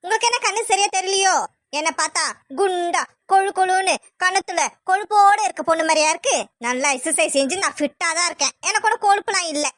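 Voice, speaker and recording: A woman voicing a bold, sharp-tongued young daughter-in-law in a cartoon, with a southern Tamil village accent. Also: extremely high pitch, no room sound, studio quality. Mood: sassy. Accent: Tamil Nadu southern village. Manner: sassy, quick retorts. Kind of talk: cartoon voice acting.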